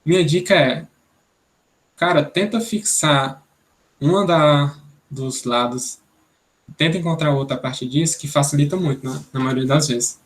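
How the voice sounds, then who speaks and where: A man's voice: a little high, a little slow, pauses often. A young man from Brazil teaching an online programming class, thinking aloud step by step and checking in with "né?". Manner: explanatory, thinks aloud, many "né?" tags. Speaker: instructor.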